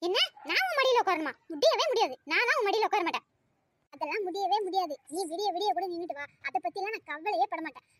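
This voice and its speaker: A cheeky, sharp-tongued young college girl, squeaky and very high, rattling off her words at speed, as a woman voices her. She bickers and talks back like a cartoon heroine who never backs down. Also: quick pace, few pauses, no room sound. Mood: bickering. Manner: quarrelsome and cheeky, then pleading. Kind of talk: cartoon voice acting.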